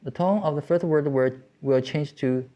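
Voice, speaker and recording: A man teaching Mandarin tones, explaining slowly with frequent restarts and pauses. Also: on the high side, dark tone, lo-fi sound. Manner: halting, with many restarts and fillers. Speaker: Chinese language teacher. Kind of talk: slow explanatory lesson.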